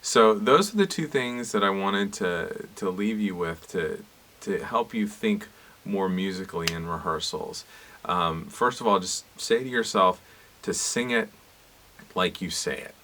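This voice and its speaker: A middle-aged man, teaching a cappella singers in a relaxed, conversational way with many fillers. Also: low voice, measured pace. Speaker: a cappella instructor. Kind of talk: casual teaching monologue.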